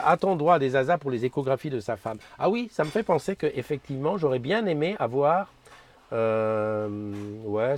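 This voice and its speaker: A man hosts a casual live morning stream, rambling and restarting as he greets viewers and reads their comments. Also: medium pitch. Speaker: host of a live community morning show.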